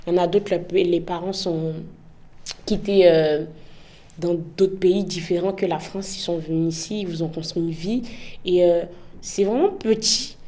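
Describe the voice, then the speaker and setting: A woman's voice: fairly low pitch, darkish tone. A young woman giving frank, impassioned interview answers, often tagging her points with "en fait". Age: young adult. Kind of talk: candid interview testimony.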